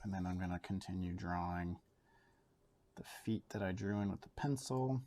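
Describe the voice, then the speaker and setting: A relaxed Canadian art educator with a fairly low voice walks a viewer through a drawing, thinking aloud and using easy fillers as he works. It sounds like a casual demonstration at a table in his home studio, with a little hiss or hum.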